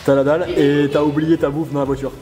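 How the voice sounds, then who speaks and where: A man's voice: on the high side, little pitch movement, fast. A man chatting casually and jokingly with friends inside a cave, in slangy language with swearing, with cave echo. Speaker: vlogger filming a caving trip. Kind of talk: casual chat among friends. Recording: cave echo, music behind.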